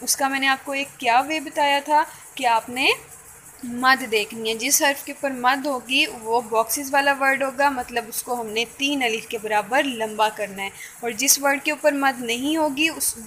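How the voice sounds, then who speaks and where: Patient woman Tajweed teacher, high and unhurried. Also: fairly bright tone, slight background noise, low-quality recording. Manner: slow drawn-out recitation of letters; patient, repeats "theek hai" often. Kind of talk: online children's lesson.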